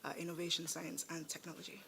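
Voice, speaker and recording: A woman's voice: fairly low pitch, completely flat delivery, quick pace, creaky, fairly bright tone, a little hiss or hum. A young woman with a Caribbean accent introducing herself at a meeting. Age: young adult. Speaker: university student introducing herself. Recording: faint room ambience.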